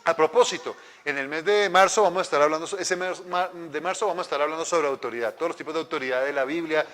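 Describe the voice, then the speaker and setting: A man's voice: a little high, quick pace, fairly bright tone. A male pastor, teaching a church class in a conversational way, joking and asking the audience questions. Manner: conversational, asks the audience, jokes. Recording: long hall reverb.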